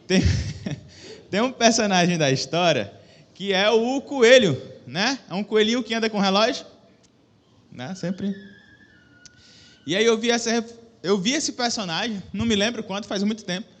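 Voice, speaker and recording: High-voiced Brazilian man preaching casually. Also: lively intonation, moderate pace, long pauses, a bit bright. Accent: Brazilian Portuguese. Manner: chatty, joking, self-deprecating, addresses the audience with questions. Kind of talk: casual conversational sermon. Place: church hall with a PA system. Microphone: microphone with a stage monitor.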